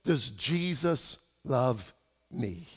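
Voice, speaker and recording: A tall, stoic taxi driver in clipped, broken English, as a preacher puts him on with a made-up foreign accent. The voice sits high, and his words trail off into a long hall reverb. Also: expressive, moderate pace. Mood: earnest.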